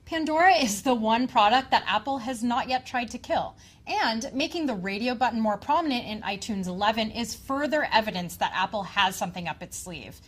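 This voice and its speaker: A woman's voice: a little high, animated, a little fast. A woman co-hosting a scripted tech rumor show with upbeat, confident banter.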